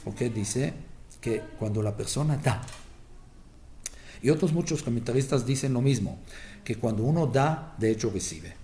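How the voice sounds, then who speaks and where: A man's voice: medium pitch, lively intonation, normal speed, pauses often, mellow, a little hiss or hum. A man, a rabbi, giving a Torah lesson as a teacher who tells stories and keeps asking his listeners whether they follow. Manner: storytelling teacher, asks listeners "¿sí?"; acts out the family members' replies in a raised voice.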